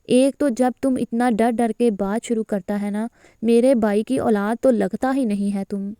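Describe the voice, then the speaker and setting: Woman voicing a blunt old grandmother scolding in an audio novel, a bit high, dry close sound. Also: steady tone, mellow, clean tone, dry recording, close to an everyday voice. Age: older. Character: stern old grandmother, quick-tempered and blunt.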